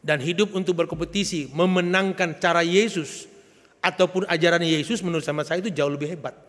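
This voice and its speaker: A man with an Indonesian accent preaches a sermon in a church sanctuary, his fairly high voice carried by a long echoing hall. He talks in a lively, joking way and lands key words with sudden loud, emphatic swells. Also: brisk. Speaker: pastor.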